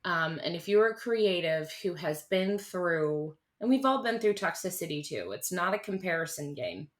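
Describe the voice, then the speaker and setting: A woman in her thirties, a country singer-songwriter, speaking earnestly and haltingly as an interview guest, with many restarts. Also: fairly low pitch, sing-song. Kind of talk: candid interview conversation.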